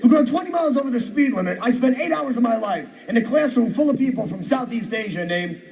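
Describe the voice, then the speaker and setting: Brief: abrasive male stand-up, rapid-fire sarcastic rant, high gravelly voice, distant mic. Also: animated. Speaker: stand-up comedian. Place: comedy show stage at a university. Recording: distant noisy live radio recording.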